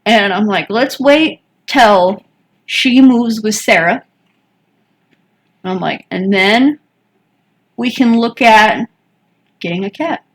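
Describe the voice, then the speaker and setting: A woman's voice: on the high side, slow pace, long pauses, poor audio. A woman co-hosting a casual podcast chat, telling stories and acting out what people said. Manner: storytelling, acts out quoted dialogue. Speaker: podcast co-host.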